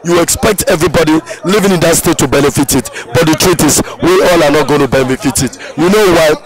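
A man's voice: a little high, fast, faint music behind, poor audio. A middle-aged Nigerian man bluntly dismissing the government in a street interview. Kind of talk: vox pop street interview. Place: busy city street outdoors. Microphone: handheld mic held by interviewer. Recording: street crowd noise behind.

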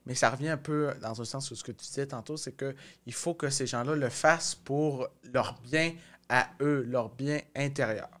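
Speaking at a moderate pace, this young Québécois-accented podcast host has a medium-pitched, slightly bright voice picked up by a close mic in a small studio. The discussion is casual, and he keeps circling back, rephrasing and repeating as he hunts for the right words.

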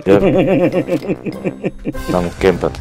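Slow, swooping raging gamer man. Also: sits low, very animated, creaky, over music. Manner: raging gamer, foul-mouthed. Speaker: player in online shooter voice chat. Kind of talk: trash talk.

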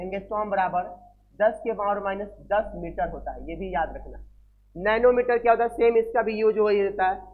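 A man teaches a physics lesson, mixing English terms into his explanation. He keeps asking his students questions and repeats each value twice. The sound is thin and phone-like, as if recorded on a cheap mic. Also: high voice. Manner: addresses students as beta, repeats key values and asks quiz questions. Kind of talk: classroom lecture.

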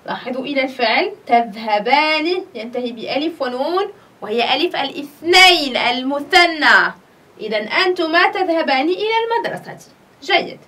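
A woman teaching a primary school grammar lesson. She asks questions and answers them herself, and she draws out the example sentences slowly for dictation. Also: high voice, expressive, pushed and bright, recorded from a distance.

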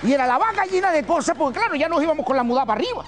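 High-pitched Canarian storyteller, older man. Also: very fast, a crowd in the background. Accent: Canarian Spanish. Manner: folksy, colloquial, animated. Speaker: humorist. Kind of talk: comic storytelling. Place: TV gala stage.

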